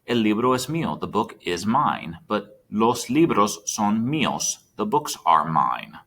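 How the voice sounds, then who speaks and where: A man's voice: lowish voice, very animated, unhurried, fairly bright tone. A man teaching a recorded Spanish lesson, chatty and checking in with his students as he types. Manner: chatty, checks in with students, talks while typing.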